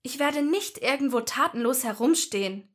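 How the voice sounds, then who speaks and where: Woman doing Ginny, husky, defiant young witch. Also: fairly high pitch, lively intonation, normal speed, a bit bright, voice pushed up. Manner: defiant, pleading, short of breath. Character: stubborn, wounded young redheaded witch.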